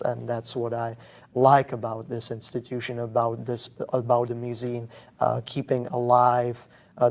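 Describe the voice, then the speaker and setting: Young czech man, czech native, guest in casual interview, flat even delivery, restarts sentences. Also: mid-range voice. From Czech Republic. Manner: thoughtful, restarts and repeats words. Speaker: guest, museum visitor.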